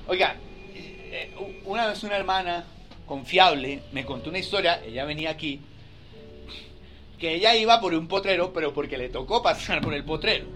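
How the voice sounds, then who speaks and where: A man preaching a sermon as pastor. He rises to loud, emphatic scripture reading, then drops into soft, chatty storytelling with his listeners. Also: on the high side, animated, moderate pace, soft background music.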